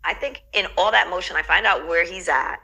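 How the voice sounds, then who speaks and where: Low gravelly woman telling a story. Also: brisk, sharp tone, low-quality recording. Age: middle-aged. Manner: reflective, heavy with "you know" fillers. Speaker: interview guest. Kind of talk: casual storytelling interview.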